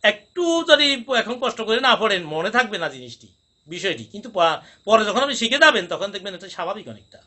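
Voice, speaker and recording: A man teaching Quran pronunciation in a recorded lesson, drilling each sound slowly with repetition. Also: high-pitched, very animated, pushed and bright.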